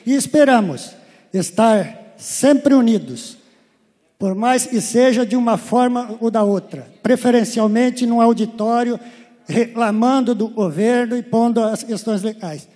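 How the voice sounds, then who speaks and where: A fairly high-pitched man with a dark, husky voice speaks indignantly as a farmer on a seminar panel. His handheld mic carries the long reverb of a large auditorium. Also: unhurried. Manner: indignant, complaining. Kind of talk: seminar talk.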